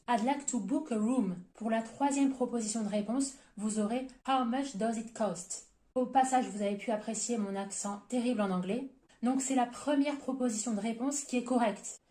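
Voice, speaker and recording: A woman from France teaches exam tips in a clear, methodical way, talking straight to her viewers. Her voice sits a little high but sounds mellow and soft-edged. The room around her is noticeably echoey. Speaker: TOEIC prep teacher. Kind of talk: explanatory lesson to camera.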